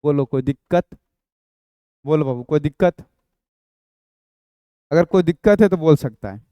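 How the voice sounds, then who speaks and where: A man teaches chemistry in a coaxing, repetitive way, asking questions and answering them himself. His voice is a little high, mellow and smooth, and it sounds dry and close. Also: measured pace, no room sound. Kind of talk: exam-prep lecture.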